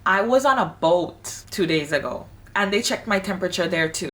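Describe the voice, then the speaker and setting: Chatty woman, slightly low voice. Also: lively intonation, normal speed, distant mic, a crowd in the background. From Saint Vincent and the Grenadines. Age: late 20s. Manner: candid, chatty, emphatic. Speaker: vlogger. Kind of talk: casual talk to camera. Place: home in Hong Kong, bathroom.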